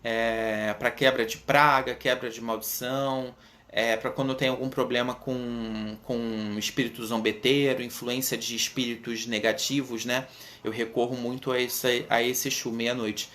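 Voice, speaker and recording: On a livestream, a Brazilian Portuguese-accented man in his thirties, an Umbanda medium, tells his personal story with earnest, unhurried delivery and frequent tag questions. His voice is mid-range, level and fairly bright.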